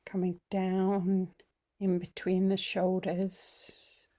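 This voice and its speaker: Woman, breathwork teacher leading a slow body scan meditation. Gentle, with ums, sometimes whispering. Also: lowish voice, completely flat delivery. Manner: slow, gentle guidance with frequent ums and soft whispered phrases.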